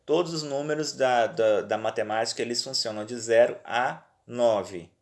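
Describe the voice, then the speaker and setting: A man's voice: mid-range voice, moderate pace. Patient male teacher with a Brazilian accent. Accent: Brazilian Portuguese. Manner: patient, reassuring, checks in often. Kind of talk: remote lesson walking through worksheets. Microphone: phone.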